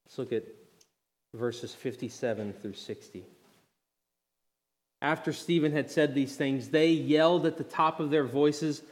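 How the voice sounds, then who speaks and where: A male pastor preaching a sermon, earnest and direct, dropping to near-hushed lines and then rising loud and emphatic. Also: on the high side, a little slow, pauses often.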